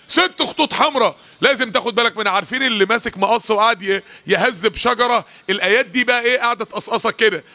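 A man preaching a mosque sermon in an Egyptian accent, animated, acting out little exchanges and repeating rhetorical questions. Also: sits high. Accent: Egyptian Arabic.

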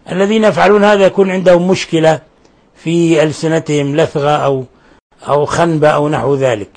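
Brief: middle-aged male host-teacher, patient and corrective, slightly high voice. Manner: patient, corrective, repeats examples. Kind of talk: radio lesson correcting recitation.

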